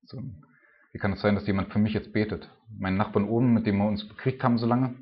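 A man with a deep, low voice preaching an informal sermon and then praying aloud. He talks in a colloquial, halting way and leans on filler words. The recording sounds dull and lo-fi. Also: steady tone. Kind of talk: informal sermon and spoken prayer.

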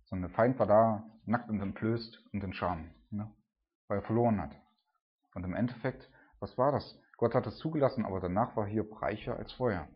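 A man giving a sermon in a loose, conversational way, often adding "ne?" and rising to loud cries when he retells dramatic scenes. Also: lowish voice, a little fast, dull audio. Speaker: preacher.

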